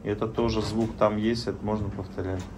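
A man giving an informal spoken lesson on prayer as a spiritual teacher, halting, with many fillers and pauses. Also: on the low side, flat delivery, a little mellow, a little hiss or hum.

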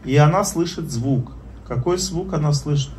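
A man giving an informal spoken lesson on prayer as a spiritual teacher, halting, with many fillers and pauses. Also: a little high, a little mellow, slight background noise.

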